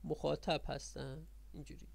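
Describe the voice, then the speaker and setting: A man's voice: fairly high pitch, steady tone, vocal fry, slightly rough, no room sound. A man teaching a grammar lesson in a Persian accent, repeating points and quizzing his students as he explains. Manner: repetitive, quizzing the viewers.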